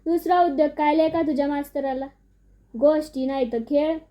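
Storybook figure: gruff old village landowner, thick booming delivery, high voice, muffled recording, read by a woman. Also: fairly even intonation, normal speed, warm tone, lightly acted. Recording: dull lo-fi recording.

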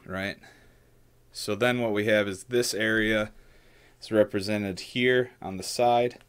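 A man's voice: lowish voice, fairly even intonation, takes it slowly, clean tone. A man in his thirties giving a casual screen-share tutorial, thinking aloud with loose restarts and frequent "right?" checks. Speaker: maker demonstrating 3D modeling. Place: small room at home, indoors.

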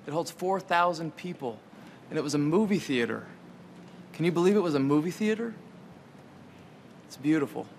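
Excited guy showing people round a theater, bouncy up-and-down voice, bit of hiss behind. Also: a little high, normal speed. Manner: enthusiastic, showing off. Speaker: tour guide. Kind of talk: casual walk-through tour. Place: inside a theater.

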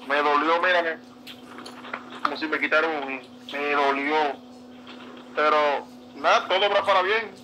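A man's voice: on the high side, bright, forceful tone, a little hiss or hum, low-quality recording. A man talking as a baseball player guest in a casual interview, earnest and emotional, often repeating himself. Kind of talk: casual interview, heartfelt storytelling.

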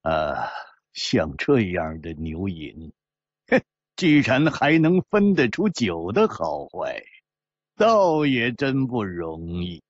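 A man voicing a sly, grudging male gambler who talks low and mutters hesitantly. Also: very animated, slow, dry recording, lo-fi sound, full character voice.

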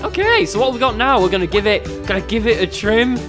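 A man's voice: high voice, big pitch swings, fast talker. A British man in his twenties doing casual, jokey, sarcastic and sweary gaming commentary for his channel. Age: 20s. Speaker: YouTube gaming host. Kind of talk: casual let's-play commentary. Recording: music behind the voice.

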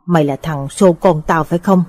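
A woman's voice: low-pitched, brisk, darkish tone, dry recording, studio quality. Woman voicing a grieving old exorcist man. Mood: bitter grief. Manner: bitter, choked with grief. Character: grief-stricken old male exorcist, bitter.

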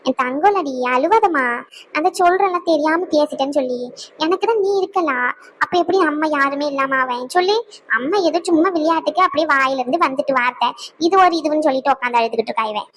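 A woman's voice: sits high, fast talker, fairly bright tone, slight background noise. A woman voicing an older cartoon mother, pleading and coaxing her tearful daughter over the phone. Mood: remorseful. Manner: pleading, coaxing, scolds herself. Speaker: cartoon voice actor. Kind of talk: cartoon skit voice acting.

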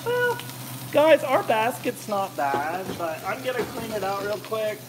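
A cooking vlogger with a high, sing-song voice speaks unhurriedly, rambling and joking with his live chat as he cooks in his home kitchen. It's a casual cooking livestream, with background noise audible.

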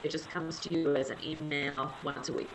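A health library liaison gives a casual webinar presentation, guiding listeners through online resources in a loose, friendly, conversational manner full of small fillers. Her voice is low and slightly nasal, stuffed up from a cold, with a flat delivery at normal speed. Noticeable background noise runs underneath, like a web conference.

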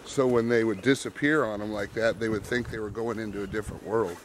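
A man's voice: on the low side, fast talker, poor audio. A middle-aged man hiking a forest trail, chatting casually and sometimes hooting like an owl, recorded on a handheld camera outdoors. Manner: excited, mimics owl hoots. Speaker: hiker. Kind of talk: casual chat. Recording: outdoor camera audio with noise.

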